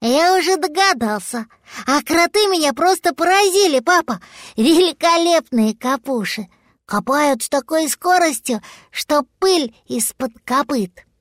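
A woman voicing a small, trusting boy dragon in a storybook reading, speaking with slow childlike earnestness. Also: high-pitched, lively intonation, dry recording, studio quality, voice pushed up.

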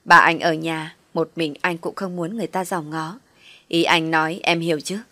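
A woman voicing a young husband who calmly reassures his wife. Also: low voice, normal speed, no echo. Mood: reassuring. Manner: gentle, reassuring.

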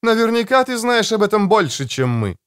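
A man's voice: high voice, very animated, brisk, a bit bright, clear, resonant tone, voice pushed up. A man reading an audiobook, voicing a blunt, proud female army captain in a raised, clipped, insistent voice. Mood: curt, demanding. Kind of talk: audiobook character voice.

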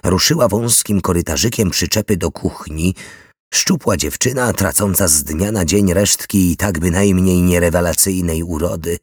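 A man reading a novel aloud in a steady, measured storytelling voice. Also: low-pitched, slightly rough, no echo, studio quality. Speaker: audiobook narrator. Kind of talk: scripted narration.

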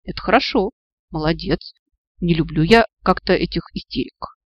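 A man's voice: fairly high pitch, moderate pace, dry recording, lo-fi sound, natural voice. A man voicing a sinister male captor who giggles and gloats in a mockingly polite way, in an audiobook. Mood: smug.

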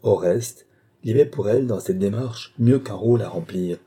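A man narrating a classic novel in a steady, even storytelling manner. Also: lowish voice, normal speed, husky. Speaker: audiobook narrator. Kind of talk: scripted literary narration.

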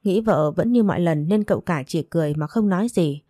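A woman narrates a story in a steady, scripted voice. Her tone is low and mellow. The recording is dry and close. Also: a little fast, no echo.

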